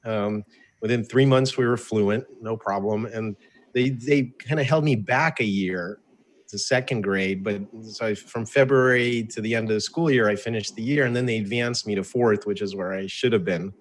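A man in his fifties, an entrepreneur and author born in Soviet Russia, speaks with an American accent, having grown up in the United States from age eight. As an interview guest, he tells his life story conversationally at normal speed in a fairly low voice, adding wry, jokey asides.

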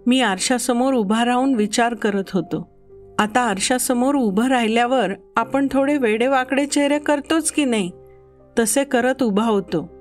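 Slow, high-voiced woman telling a children's story. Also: faint music behind. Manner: expressive, childlike first-person telling. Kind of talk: first-person children's story narration.

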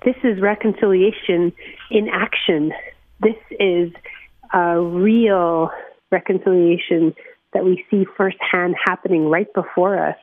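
A woman's voice: on the low side, steady tone, a little slow, dry recording. A woman from northern Manitoba, interviewed by phone, speaking earnestly and reflectively with many fillers. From northern Manitoba, Canada. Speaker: interview guest, executive director of a watershed alliance. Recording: tinny phone line.

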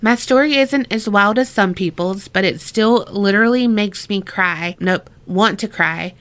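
A woman co-host on a casual podcast, reading a listener's spooky story aloud with frequent laughs. Her pitch sits in an ordinary middle range, and she swears freely between bursts of amused commentary. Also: measured pace. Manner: laughs often, swears freely, animated reactions.

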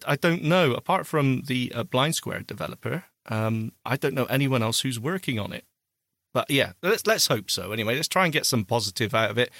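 Bright, lively male co-host. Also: mid-range voice, no room sound, studio quality. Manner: warm-hearted, jokey, agreeable. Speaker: podcast co-host. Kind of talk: casual tech chat.

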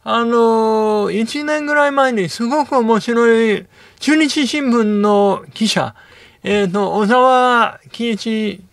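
A man whose first language is English speaks in a very high, nasal voice, with air escaping through his nose. He talks slowly and haltingly, stopping often on fillers. The line is dry and close. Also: no echo. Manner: slow, halting, with many fillers. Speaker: guest seismologist. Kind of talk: radio interview.

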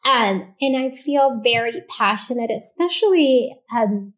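A woman physician from Puerto Rico, whose first language is Spanish, is a guest in a podcast interview. Her voice is a little high, with lively intonation and an unhurried pace. Earnest and warm-hearted, she uses many fillers and often tags her sentences with "right?".

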